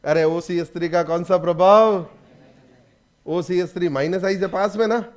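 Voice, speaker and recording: High-voiced man teaching chemistry briskly. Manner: lively, prods students with quick questions. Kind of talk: classroom lecture.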